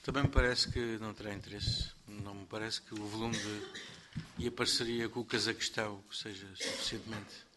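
A man with a European Portuguese accent, a member of parliament, speaking briefly and quietly in committee. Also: lowish voice, steady tone, a little fast, noisy background. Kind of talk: committee debate.

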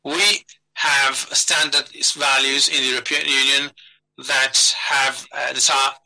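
Interpreter voice-over: a man translating a speech live, bright and crisp, with halting restarts; it should sound like simultaneous interpretation. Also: mid-range voice, little pitch movement, rough recording. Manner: halting, with frequent restarts and self-corrections. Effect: simultaneous interpreter voice-over of a speaker. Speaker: conference interpreter. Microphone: online meeting audio.

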